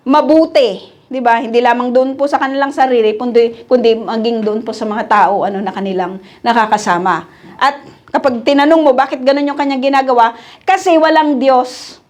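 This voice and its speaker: A woman preacher giving a conversational sermon to her congregation. She keeps asking them questions and acts out people's prayers and pleas in quoted voices. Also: high voice. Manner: addresses the congregation as brothers and sisters.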